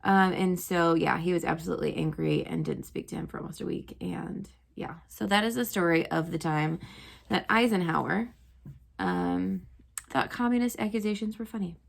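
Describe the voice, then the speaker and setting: A woman's voice: on the low side, lively intonation, normal speed, creaky. A young woman, a teacher, casually retelling history stories to her students, chatty and full of "um" and "like". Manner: chatty, lots of "um" and "like".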